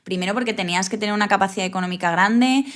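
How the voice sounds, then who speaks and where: A woman's voice: mid-range voice, racing, a bit bright. A woman guest in an interview, speaking thoughtfully, often restarting her phrases and adding tag questions. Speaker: guest photographer. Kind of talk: reflective interview talk.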